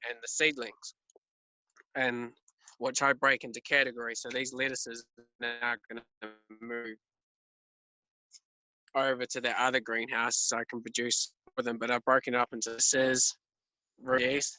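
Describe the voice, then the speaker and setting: Breaking-up call stream, hesitant gardener. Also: male voice, medium pitch, level tone, normal speed, pauses often, sharp tone, dry recording, low-quality recording. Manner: rambling, hesitant, lots of ums. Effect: breaking-up video call stream. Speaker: market gardener giving a garden tour. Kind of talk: casual walking tour on a video call. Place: outdoors in a garden. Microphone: phone on a video call.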